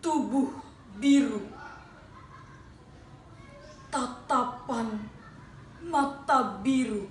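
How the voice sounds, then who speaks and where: A woman reciting a poem slowly and dramatically, drawing out each phrase. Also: a little high. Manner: slow, dramatic, drawn-out. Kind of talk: poetry recitation. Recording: roomy, distant mic with faint ambient noise.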